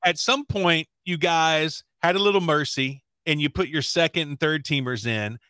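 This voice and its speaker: A man's voice: on the high side, normal speed, bright, forceful tone, clear, resonant tone, no echo. A man in his forties hosting a casual sports interview in an upbeat, emphatic way, close on the microphone. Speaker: sports show host, interviewer. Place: indoors, streaming setup.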